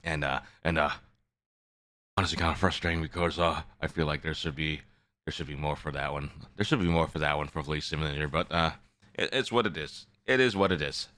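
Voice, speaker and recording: A man's voice: a bass voice, a little fast, pushed and bright, dry recording. A man chatting casually on a livestream as the host, rambling and often repeating his phrases. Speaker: live streamer, VTuber host. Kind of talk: casual livestream chat with viewers.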